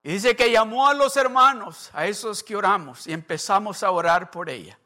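A male pastor delivers a sermon in a notably high voice. His tone is bright and forceful as he tells a testimony and acts out its conversations. He builds into emphatic, insistent preaching. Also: moderate pace. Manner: retells a testimony, acting out the dialogue, then builds to loud emphatic preaching. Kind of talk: sermon storytelling.

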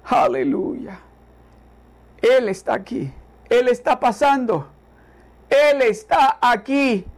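A man's voice: very high voice, takes it slowly, pauses often. A man preaching a sermon with fervent repetition, calling on listeners to repeat after him.

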